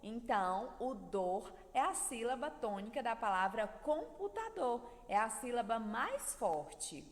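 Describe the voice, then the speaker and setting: Lively Brazilian teacher in an echoey room. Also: female voice, fairly high pitch. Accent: Brazilian Portuguese. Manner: drawn-out syllables, sing-song stress on words. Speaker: primary school teacher. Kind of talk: recorded video lesson for children.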